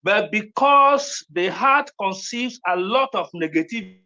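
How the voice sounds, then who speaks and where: A man's voice: high-pitched, sharp tone, highs cut off. A man giving an earnest, sermon-like address to a gathering. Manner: earnest, preaching cadence.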